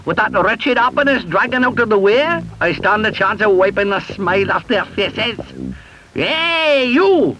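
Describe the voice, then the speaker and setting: A man's voice: high voice, animated, unhurried, bright, forceful tone, a little hiss or hum, pitched above the performer's own voice, full character voice. A man voicing a spiteful female witch who screeches and gloats while chanting rhyming spells. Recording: dull lo-fi recording with music.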